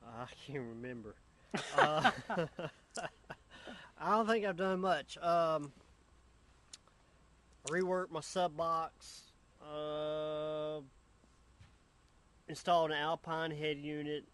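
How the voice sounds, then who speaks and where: A man's voice: a little high, slow pace, pauses often, fairly bright tone. A man co-hosting a casual chat outdoors, easygoing and rambling, laughing often. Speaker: podcast co-host.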